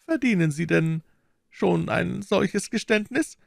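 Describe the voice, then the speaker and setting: A man's voice: high voice, slow pace, vocal fry, no room sound, clean studio sound, voice pushed up, full character voice. A man reading an audiobook, voicing a cunning, vengeful noblewoman in a raised, coaxing voice. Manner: coaxing, imperious. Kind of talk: audiobook character voice.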